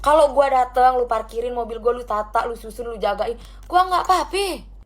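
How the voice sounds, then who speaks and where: A young woman angrily telling a story about a run-in, ranting and swearing as she goes. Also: on the high side. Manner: indignant, fast ranting with swearing.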